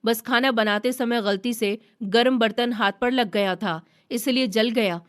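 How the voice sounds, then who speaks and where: Gentle young wife, read by a woman. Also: fairly high pitch, unhurried, natural voice. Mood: reassuring. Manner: soft, reassuring. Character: gentle self-sacrificing young wife hiding her pain.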